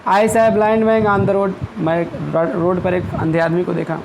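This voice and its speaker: A man's voice: high-pitched, monotone, vocal fry, background noise. A man teaching a grammar lesson, explaining patiently step by step with everyday examples and often checking that students follow. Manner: reads English example sentences slowly; checks in with "ठीक है" and "clear".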